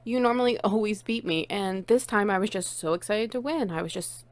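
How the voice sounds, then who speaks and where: A woman's voice: mid-range voice, brisk, no echo, close to an everyday voice. A woman playing a playful, teasing, bossy friend in an intimate one-sided audio role-play, coaxing and doting on the listener. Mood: surprised, amused. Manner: teasing, coaxing, cooing praise.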